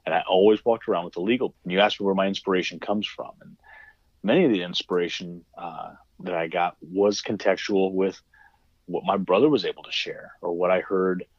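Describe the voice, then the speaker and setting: A man's voice: deep voice, steady tone, a little fast, no echo, muffled recording. A man who writes novels, talking as a podcast guest in an earnest, emotional, reflective way. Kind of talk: casual podcast interview.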